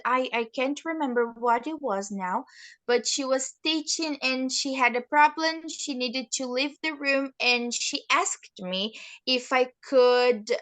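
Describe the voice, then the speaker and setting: A nineteen-year-old Brazilian teacher with a Brazilian Portuguese accent answers interview questions thoughtfully, often restarting her sentences. Her voice is fairly high and a bit bright.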